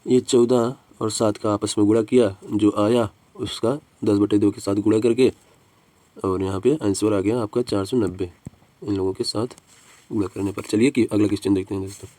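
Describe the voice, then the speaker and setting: Low-voiced Hindi-accented male tutor. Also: fairly even intonation, normal speed, mellow, no room sound. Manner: repeats steps, addresses viewers as friends. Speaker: exam coaching teacher. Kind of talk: reasoning lesson on a whiteboard.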